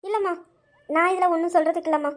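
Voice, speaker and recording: A woman's voice: extremely high pitch, steady tone. A woman voicing a reserved, firm older mother-in-law in an amateur audio drama. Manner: measured, refusing.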